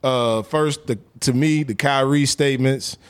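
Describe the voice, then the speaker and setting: A man co-hosting a podcast in relaxed, profane talk. His voice sits in an ordinary middle range, and he works his points out with fillers and restarts. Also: medium pitch, unhurried, clear, resonant tone. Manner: loose, profane, talks it through with fillers. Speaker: podcast co-host. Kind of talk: casual podcast chat.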